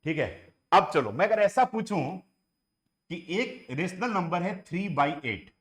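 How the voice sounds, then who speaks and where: Male maths teacher, fairly high-pitched, coaxing and repetitive classroom delivery. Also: sing-song, unhurried. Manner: coaxing and repetitive, mixes Hindi with English phrases. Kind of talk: classroom lecture.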